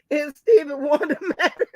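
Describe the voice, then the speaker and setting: Hosting her channel's casual gossip commentary, a woman with a high-pitched, hoarse, darkish voice talks at a moderate pace with no room sound. She swears freely, cackles often and keeps calling listeners baby and honey.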